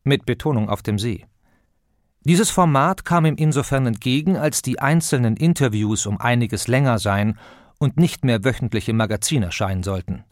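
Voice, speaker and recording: A man reading an audiobook introduction in a measured, even studio narration. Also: medium pitch, dry recording.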